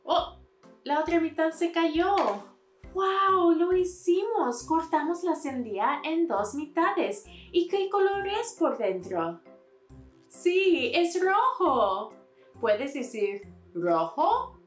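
A woman teaching Spanish to toddlers in a slow, sing-song, encouraging way, repeating simple words. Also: high voice, sing-song, reverberant, soft background music.

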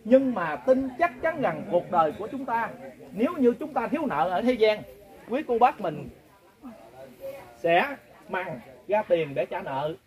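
Southern Vietnamese male lay preacher, high voice, folksy earnest storytelling to a pilgrim group. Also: big pitch swings, a little slow. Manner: folksy, earnest, keeps addressing listeners directly.

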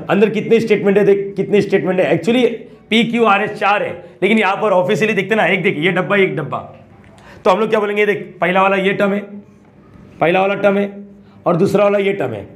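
High-voiced man teaching math. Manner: colloquial, asks students frequent check questions. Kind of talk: classroom lecture.

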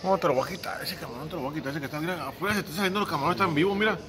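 A man's voice: on the high side, racing, fairly bright tone. A man with a Mexican accent teasing a friend in casual chat at a seafood restaurant, laughing often. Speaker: vlogger filming a friend.

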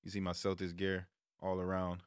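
This low voice belongs to a thirty-something American streamer and sports vlogger, talking sports to camera in a relaxed, slangy way at a moderate pace, though his delivery stays completely flat and smooth. He sits in a small home room with a headset on and a stand-mounted mic close by, and the recording is dry and studio-clean.

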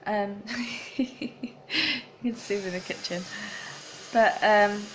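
Here a young woman with a mid-range voice talks slowly and fairly evenly, giggling and rambling through casual vlog chat. The phone she holds at arm's length gives a low-quality recording with a little hiss or hum, as she moves from a small flat out to a windy street.

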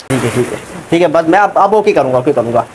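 A man's voice: fairly high pitch, lively intonation, quick pace, a little hiss or hum, close to an everyday voice, poor audio. A man playing a clumsy actor who apologizes and pleads with his director for another chance. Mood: apologetic. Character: clumsy begging male actor, adult, meek. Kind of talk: comic short film acting.

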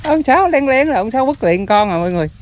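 A man's voice: very high voice, sing-song, very fast. A man with a Southern Vietnamese accent, chatting casually to viewers in a rural fishing vlog, talking outdoors by a canal. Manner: chatty, laughing, addresses viewers. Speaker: vlogger.

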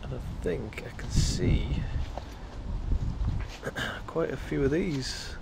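A man strolling through a cemetery, musing aloud and reading gravestones in a casual, unhurried way. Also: medium pitch, animated, creaky. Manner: musing, reads gravestones aloud, frequent ums. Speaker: cemetery walking tour vlogger. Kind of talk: casual walking commentary. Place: outdoors in a cemetery. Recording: outdoor noise and passing traffic.

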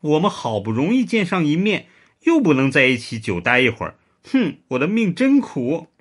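A man's voice: huge pitch swings, moderate pace, a bit bright, exaggerated voice. A man voicing a clingy, sulky young woman with a raised, whiny voice in a spoken story. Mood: sulky, pouting. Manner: whiny, pouting, raised pitch.

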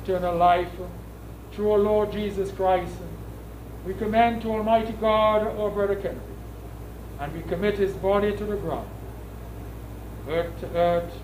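A middle-aged priest with a notably high voice for a man leads solemn funeral prayers. He reads formally and with measure, pausing between phrases. He is heard from a distance in an echoey room with clear background noise. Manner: measured, formal reading with pauses. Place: small indoor funeral service room.

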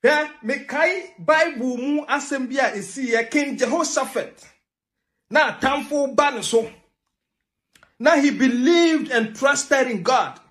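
His voice is very high, slow, and a little bright: a young man with a Ghanaian accent giving forceful political commentary on camera. He moves between English and Twi and laughs mid-rant, seated in a small room with a TV in the background.

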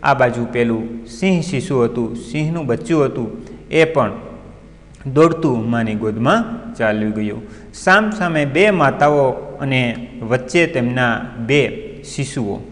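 During an online class, a man with a medium pitch and lively intonation retells a story at an unhurried pace, pausing frequently to explain word meanings. Long reverb colors the recording.

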